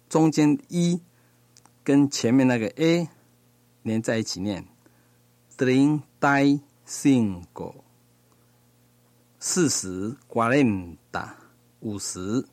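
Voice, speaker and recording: A man teaching a language lesson, reading words slowly and pronouncing each one with care. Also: mid-range voice, darkish tone, no echo. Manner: slow, deliberate, pronouncing each word carefully. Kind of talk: slow recorded language lesson.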